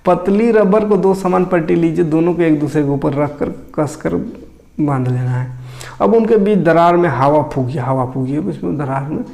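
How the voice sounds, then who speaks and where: Male science teacher, slightly high gravelly voice, reads then explains loosely. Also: normal speed, warm tone. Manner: explains textbook lines then retells them in casual dialect. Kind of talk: classroom science lesson.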